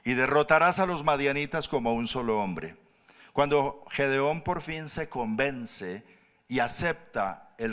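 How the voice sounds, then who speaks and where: A pastor preaching a sermon, animated, jumping up high for emphasis and dropping to soft low tones. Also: male voice. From Colombia.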